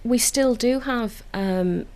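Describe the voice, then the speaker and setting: This Liverpool-accented woman has a fairly high, mellow voice that is clear and resonant, and she takes her time. A council community engagement officer, she speaks earnestly and enthusiastically about community work in a radio studio interview, restarting often with fillers.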